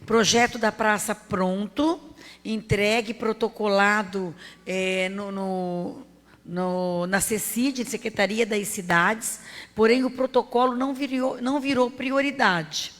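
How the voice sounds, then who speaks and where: A woman mayor with a Brazilian accent from Paraná, answering a question in brisk, factual terms. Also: mid-range voice. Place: city council chamber. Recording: reverberant council chamber PA.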